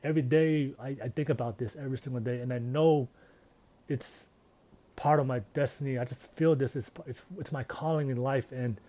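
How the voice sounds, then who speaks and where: A man's voice: medium pitch, fairly even intonation, normal speed, warm tone. A man, talking earnestly and reflectively in a casual personal vlog. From Tonga. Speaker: vlogger.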